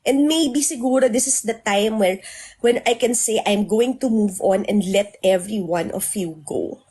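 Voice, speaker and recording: A woman's voice: medium pitch, a little slow, mellow, slightly rough. A woman on a livestream, ranting indignantly and very emotionally, switching between Tagalog and English. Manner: self-described very emotional.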